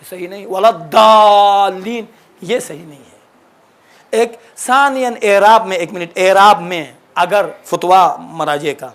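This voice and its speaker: A man teaching the rules of Quran recitation, answering a student's question and explaining with repeated examples. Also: high voice. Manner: explanatory, repeats and corrects himself. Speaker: religious teacher.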